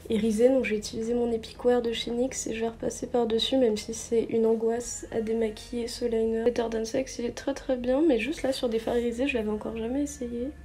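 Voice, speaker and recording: A chatty young woman talks through her makeup routine at home, her voice sitting a touch high. She drifts along with fillers and quick self-corrections, in an easygoing vlog tone. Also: little pitch movement, warm tone, slight background noise. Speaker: beauty vlogger. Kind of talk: casual makeup tutorial narration.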